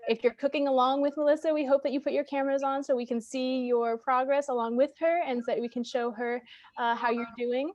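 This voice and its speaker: A woman's voice: sits high, fairly even intonation, brisk, darkish tone, no echo, muffled recording. A woman moderating an online event, giving organized announcements in a friendly way with filler ums. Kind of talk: announcements on a video call.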